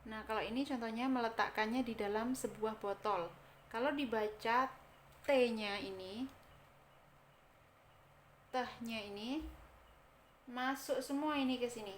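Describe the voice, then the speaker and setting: A woman giving a casual pronunciation lesson, chatty, slowly repeating words to demonstrate sounds. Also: fairly high pitch, slight background noise. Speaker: English teacher.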